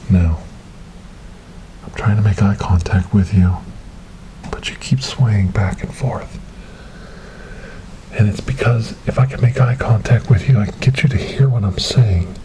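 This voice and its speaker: In a whispered ASMR horror role-play, a man plays a calm, hypnotic government paranormal investigator, speaking softly, breathily and deliberately in a lowish voice, lightly acted. The mood is soothing and hypnotic; his hushed, repetitive delivery often drops into whisper, captured by a close binaural microphone in a noisy recording.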